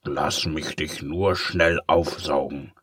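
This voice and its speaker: A man voicing a sly, sinister ink-eraser pen in a dark, scratchy, slow whisper for a storybook. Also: very deep voice, fairly even intonation, husky, dry recording, voice pushed down, exaggerated voice. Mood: creeping. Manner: slow, creeping, hissing.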